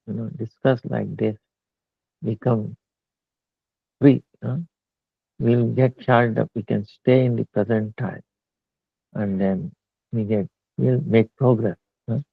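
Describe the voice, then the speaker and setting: A man giving a slow devotional discourse, pausing often with fillers. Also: medium pitch, creaky, slightly rough, no room sound. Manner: slow halting talk with many fillers. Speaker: spiritual teacher. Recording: tinny phone-like line.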